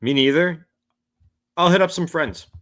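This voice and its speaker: A man's voice: a little high, measured pace, a bit bright. A man co-hosting a casual sports podcast, giving blunt, opinionated takes. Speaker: podcast co-host.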